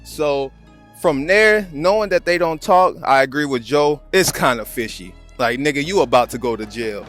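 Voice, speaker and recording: Set against background music, this casual commentary on a video clip comes from a channel host with an American accent who keeps it slangy and conversational. He's on the high side, a bit bright, and moves at a moderate pace.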